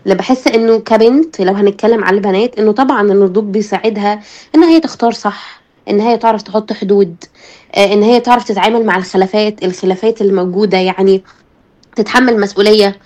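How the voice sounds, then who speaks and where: A woman's voice: mid-range voice, very fast, a little mellow, dull audio. A woman with an Egyptian Arabic accent, a guest giving her firm opinions in conversation.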